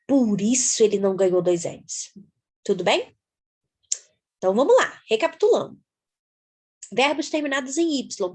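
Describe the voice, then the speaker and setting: A woman teaching an English lesson, her somewhat high voice rising and falling freely. She spells words out letter by letter in a slightly breathy tone, taking her time. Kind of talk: explaining grammar to viewers.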